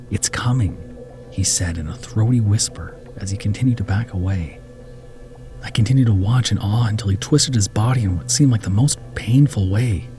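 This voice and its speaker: Reading a horror tale in the first person, the narrator keeps a slow, dramatic pace and lowers his fairly low voice to a whisper whenever the tension rises.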